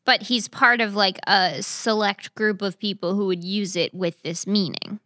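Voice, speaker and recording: A woman's voice: medium pitch, steady tone, a little slow, bright, forceful tone, no room sound. Woman, co-host, curious, quippy, dry close sound. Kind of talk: casual chat.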